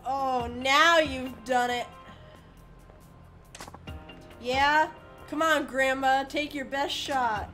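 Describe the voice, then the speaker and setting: A woman's voice: sits high, takes it slowly, bright, forceful tone, faint music behind, full character voice. A woman voicing a drunk, belligerent male street thug with a slurred, swaggering drawl. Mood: drunk bravado.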